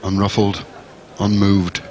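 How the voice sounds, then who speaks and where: A man's voice: on the low side, completely flat delivery, slow pace. A man giving live television darts commentary in short, clipped phrases. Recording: crowd roar and noise behind commentary. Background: darts arena crowd.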